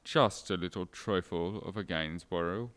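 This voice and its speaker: Stern clergyman played by a man, low-pitched, pompous, touchy, formal period audio drama. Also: moderate pace, fairly bright tone. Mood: smug, touchy.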